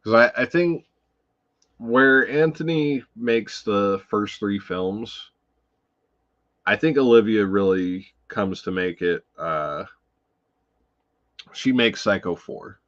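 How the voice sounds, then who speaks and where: A man's voice: lowish voice, expressive, slow, long pauses, a bit bright, lo-fi sound. A man hosting a casual livestream about films, talking in a rambling, profane way, full of fillers. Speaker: livestream host.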